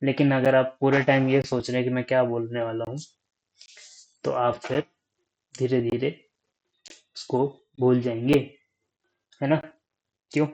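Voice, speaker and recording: Unhurried man thinking out loud. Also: medium pitch, little pitch movement, dull audio. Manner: unhurried, thinks aloud, forgets points mid-talk; frequent "ठीक है?" check-ins. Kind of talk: casual talk to camera.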